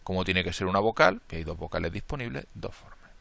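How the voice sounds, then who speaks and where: A man's voice: low voice, big pitch swings, fast, gravelly, fairly bright tone, dry recording. A man lecturing through a combinatorics problem step by step, thinking aloud and correcting his own slips in a Spain Spanish accent. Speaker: math lecturer. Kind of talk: worked-problem lecture, counting steps aloud.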